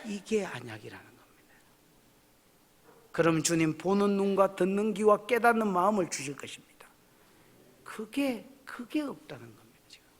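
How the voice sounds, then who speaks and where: A man's voice: high voice, big pitch swings, moderate pace, pauses often. A male pastor preaching a folksy, emphatic sermon at a church service, often asking the congregation questions. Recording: echoey church hall.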